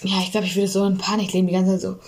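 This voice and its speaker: A woman's voice: mid-range voice, completely flat delivery, rapid-fire, a little mellow. Chatty young woman laughing on a phone mic. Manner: chatty, laughs often, rambling. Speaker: co-host of a question game. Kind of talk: casual chat. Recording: phone recording with faint noise.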